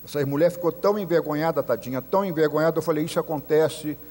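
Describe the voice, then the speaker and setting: A man's voice: on the high side, rapid-fire, a little mellow. A man with a Brazilian Portuguese accent, a messianic rabbi preaching a sermon, telling stories and acting out the voices he quotes. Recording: long hall reverb.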